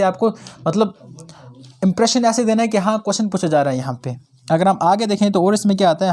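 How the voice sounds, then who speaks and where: Young guy doing a grammar lesson, kinda high voice, keeps going "theek hai na". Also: a little mellow. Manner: explains in Hindi-English mix, repeats "ठीक है ना". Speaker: English grammar teacher.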